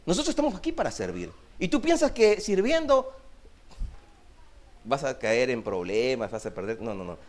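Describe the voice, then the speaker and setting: A man preaching a sermon as pastor, swinging between loud emphasis and hushed low phrases. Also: very animated, moderate pace. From Peru. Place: church.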